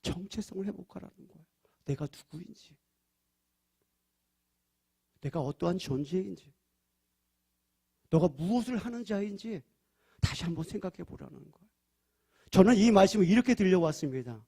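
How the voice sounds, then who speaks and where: A male pastor preaching a sermon at a church prayer service. He asks the congregation questions and swings between loud, emphatic lines and soft, hushed ones. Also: high-pitched, lively intonation, normal speed, vocal fry, long pauses, husky.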